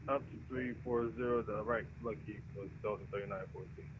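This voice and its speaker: A man's voice: on the low side, fairly even intonation, brisk, muffled recording, background noise. A man working as an airline pilot, giving clipped readbacks over a pilot headset radio.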